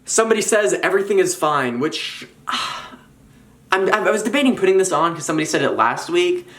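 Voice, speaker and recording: A young man in casual chat as a vlogger, talking in an animated, rambling way with quick restarts. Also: high-pitched. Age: young adult.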